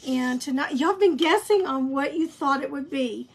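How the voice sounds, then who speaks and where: Running a live painting lesson for crafters, this woman speaks at a normal pace in a high, creaky voice. She sounds scratchy and keeps clearing her throat, yet stays chatty and encouraging.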